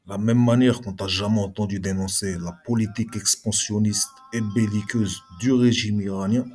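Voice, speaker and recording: A man's voice: lowish voice, fairly even intonation, moderate pace, darkish tone. A man giving an argumentative reply monologue to a video blogger, speaking combatively and straight at his critic. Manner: combative, addresses critic directly.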